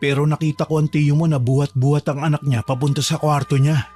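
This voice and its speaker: Calm, reassuring man playing a protective gardener in an audio horror drama, slightly high voice, faint music under it. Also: quick pace, natural voice. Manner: calm, reassuring, low-key. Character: calm, protective male servant helping a trapped girl.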